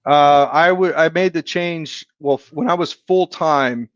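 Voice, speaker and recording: A man speaking as a guest in a casual podcast chat, earnest and reflective, choosing his words deliberately. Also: fairly high pitch, no echo, highs cut off. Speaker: podcast guest, insurance agent.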